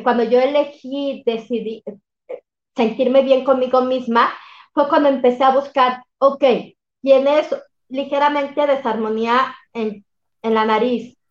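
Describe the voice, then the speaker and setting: A woman who runs workshops, speaking in a reflective, emphatic way in casual conversation. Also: high voice. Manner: reflective, emphatic, often affirms with "exactly". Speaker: workshop facilitator and coach. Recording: roomy, dull lo-fi sound.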